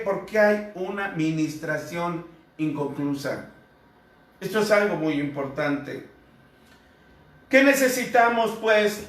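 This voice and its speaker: A male pastor preaching a sermon in a measured, earnest way, asking rhetorical questions. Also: high-pitched, fairly bright tone. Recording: echoey room, heard from a distance.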